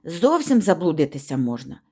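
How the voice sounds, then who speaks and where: A woman's voice: low voice, very animated, normal speed, warm tone, husky, pitched below the performer's own voice, heavily acted. A woman voicing Yava, a bold, bossy village boy who hisses and scolds, in an audiobook reading. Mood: urging.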